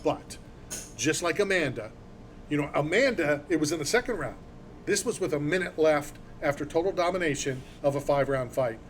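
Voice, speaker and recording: A man's voice: a little high, expressive, brisk, slight background noise. A man hosting a sports talk show, talking in an opinionated, emphatic and rambling way. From born in Philadelphia. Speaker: sports radio host.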